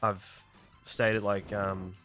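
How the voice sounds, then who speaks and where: A man's voice: fairly low pitch, level tone, takes it slowly, a bit bright, soft background music. An Australian man hosting a let's play, rambling through a funny anecdote while laughing often. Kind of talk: casual chat over gameplay.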